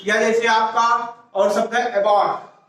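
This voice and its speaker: A man's voice: very high voice, little pitch movement, unhurried, a bit bright. A male teacher explaining English grammar to a class step by step, repeating words and asking rhetorical questions. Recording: echoey room, voice from far off.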